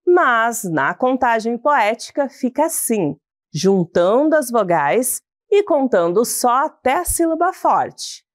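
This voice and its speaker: A woman teacher with a Brazilian Portuguese accent, giving a slow sing-song lesson to schoolchildren. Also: fairly high pitch, dry recording, clean studio sound. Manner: slow, sing-song, addresses pupils as "bonitos".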